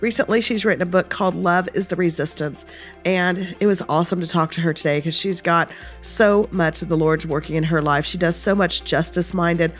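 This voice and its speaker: A woman's voice: lowish voice, fairly quick, soft background music. Chatty woman podcast host with a cold. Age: late 40s. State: has a cold. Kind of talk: casual interview chat.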